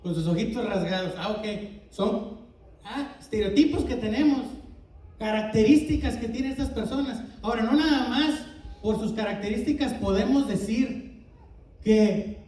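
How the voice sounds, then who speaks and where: A man with a Rio Grande Valley Tex-Mex accent preaching a sermon, firing questions at the congregation. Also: extremely high pitch. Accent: Tex-Mex Spanish of the Rio Grande Valley. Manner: asks the congregation many questions, quick and lively. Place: church sanctuary. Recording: echoey church hall from a distant mic.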